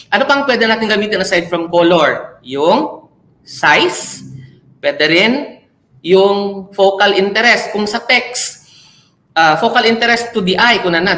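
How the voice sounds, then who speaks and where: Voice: mid-range voice, bright, forceful tone, reverberant, rough recording. A teacher giving an online class lecture in a chatty way, checking in with the learners often. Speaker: senior high school teacher.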